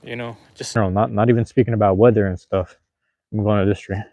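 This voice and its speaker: Outdoors in light rain, a man chats live with viewers through his phone camera, rambling loosely, relaxed and slangy, with plenty of repetition. His lowish, mellow voice stays fairly even as he talks fast, with no room sound.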